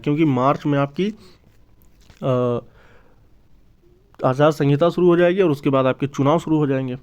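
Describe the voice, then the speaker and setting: Informally explaining a news update, a man who runs a YouTube exam-news channel circles back to rephrase what he has said. His pitch sits fairly high, his tone is darkish, and the sound is dull and lo-fi.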